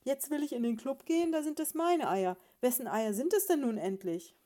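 A woman reading a storybook, voicing an indignant, pompous male sparrow husband who blusters loudly at his wife. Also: medium pitch, unhurried, close to an everyday voice. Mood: shouting.

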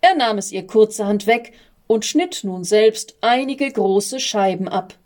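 A woman calmly reading a children's story aloud. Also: mid-range voice, measured pace. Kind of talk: read-aloud storybook narration.

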